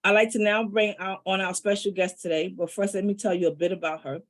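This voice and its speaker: Host reading a formal introduction. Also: female voice, medium pitch, fairly even intonation, fast talker, rough recording. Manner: reads formally, with a few "um" fillers at the start. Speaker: meeting host introducing the guest. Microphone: video call.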